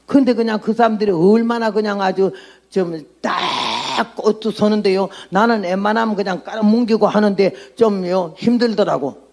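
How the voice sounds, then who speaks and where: A woman's voice: mid-range voice, moderate pace, darkish tone. An outspoken woman in her eighties preaching a testimony sermon as a missionary, blunt and emphatic. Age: 80s.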